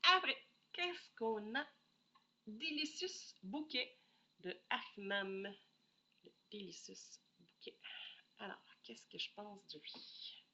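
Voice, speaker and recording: Through dull audio, a woman with a Québécois French accent talks slowly about perfume samples in a casual solo review, pausing at length, thinking aloud and apologizing a lot. She has a head cold, and her medium-pitched voice is pushed and bright.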